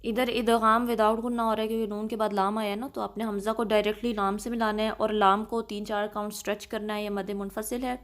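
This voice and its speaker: A woman with a Pakistani Urdu accent teaching Quran recitation in a slow, patient lesson, drawing out sounds and often checking "okay?". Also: medium pitch, little pitch movement. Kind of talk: slow explanatory tajweed lesson.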